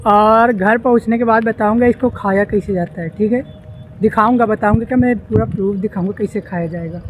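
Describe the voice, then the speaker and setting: A man's voice: high voice, fairly quick, slight background noise, rough recording. A young man from India chatting casually to camera, explaining his village life to his viewers. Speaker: village vlogger. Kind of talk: casual vlog narration to camera. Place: village home, garden and roadside.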